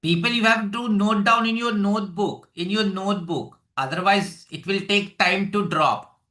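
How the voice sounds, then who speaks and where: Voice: medium pitch, moderate pace, bright, forceful tone. A teacher with a North Indian accent giving a live exam-prep lesson, instructing students and repeating short phrases and check words. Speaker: online English grammar teacher.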